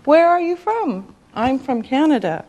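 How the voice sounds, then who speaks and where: A woman's voice: high voice, very animated, a little slow, a little mellow, muffled recording. A woman teaching a beginner language lesson, speaking with careful enunciation and repetitive drilling. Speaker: English teacher.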